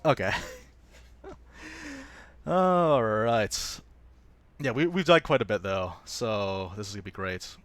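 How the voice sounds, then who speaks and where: A man's voice: fairly low pitch, wildly swooping pitch, a little slow, long pauses, a bit bright, dry recording, soft background music. A man streaming himself playing a game live, chatting playfully with his viewers and joking at his own expense. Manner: laughs often. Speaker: gaming livestreamer. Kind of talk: casual live gameplay commentary.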